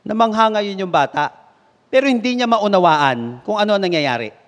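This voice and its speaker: A Filipino man delivers a sermon in a high, light voice. He moves between Tagalog and English and acts out the voices of the people in his story. His words ring on in a hall with long reverb. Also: expressive, moderate pace. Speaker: bishop and preacher.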